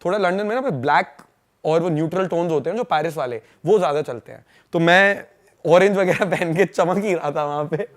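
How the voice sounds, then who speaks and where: Fast-talking young Indian man telling stories. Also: a little high. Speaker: podcast guest. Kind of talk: casual storytelling chat.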